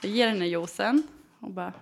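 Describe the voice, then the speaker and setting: A woman in her thirties chats casually, spinning a story with lively, animated energy. She is full of fillers and small restarts and keeps the tone conversational and unpolished. Her voice sits at a middle pitch. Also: gravelly.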